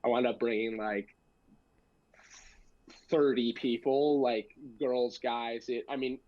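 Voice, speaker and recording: A young American man chats as a podcast guest, spinning a casual story in slangy, self-deprecating style. His voice is mid-pitched and close, in a dry but slightly muffled recording. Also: steady tone, takes it slowly, a little mellow, dry recording. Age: young adult. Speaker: guest, amateur stand-up comedian.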